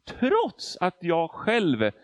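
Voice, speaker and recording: A man's voice: high voice, huge pitch swings, dry recording. A man from Argentina preaching a testimony sermon, telling his story with emphasis and acting out quotes.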